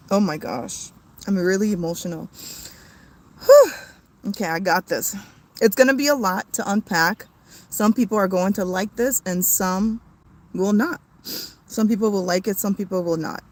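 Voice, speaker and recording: A woman in her thirties on a livestream, tearful and halting, with many fillers and restarts. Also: mid-range voice, vocal fry. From came to the US as a child. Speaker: family channel host. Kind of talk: emotional livestream talk.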